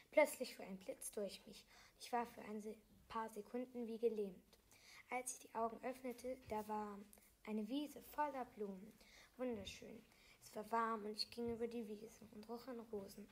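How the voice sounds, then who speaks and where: High-voiced woman reading a fantasy tale. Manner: halting, with small slips and restarts. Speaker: storyteller. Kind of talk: reading aloud a self-written fantasy story.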